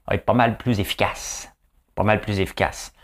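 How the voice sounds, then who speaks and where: A man with a Quebec French accent doing a rambling, animated comedic monologue full of fillers and repeated words. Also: fairly low pitch, moderate pace.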